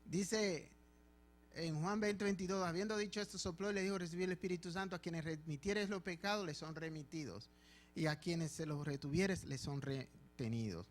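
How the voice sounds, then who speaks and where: Emphatic Dominican pastor preaching. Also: male voice, fairly high pitch, moderate pace. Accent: Dominican Spanish. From Dominican Republic. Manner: emphatic preaching with repeated phrases. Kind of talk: sermon. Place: church.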